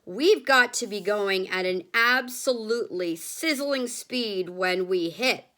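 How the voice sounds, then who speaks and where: A woman's voice: medium pitch, slow pace, pushed and bright. A woman reading aloud and voicing an eccentric, self-assured man who declares things emphatically. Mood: emphatic. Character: eccentric confident male candy maker.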